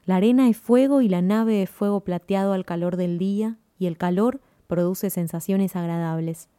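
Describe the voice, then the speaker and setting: A woman narrates a first-person story in a calm, measured, lyrical reading. Her voice has a mellow, warm tone at a middle pitch. The recording is dry and close with no room sound. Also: smooth, no room sound.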